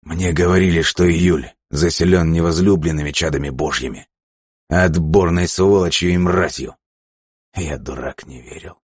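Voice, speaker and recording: A man reading an audiobook voices a defiant captive father who speaks with quiet, measured contempt. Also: a bass voice, steady tone, slightly rough, no echo, clean studio sound, full character voice. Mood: scornful.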